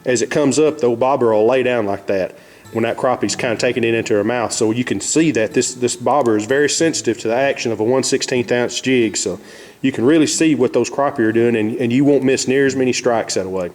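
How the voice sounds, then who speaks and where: A man's voice: mid-range voice, fairly quick, darkish tone, soft background music. A man with an Arkansas Southern accent giving a casual, folksy, plain-spoken how-to demonstration as host of a fishing vlog. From Arkansas, United States.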